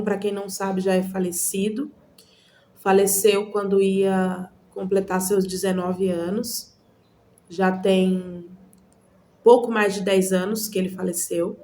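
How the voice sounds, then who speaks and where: A woman's voice: mid-range voice, darkish tone. Earnest woman giving a personal testimony. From Goiânia, Brazil. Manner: earnest, measured, with frequent pauses.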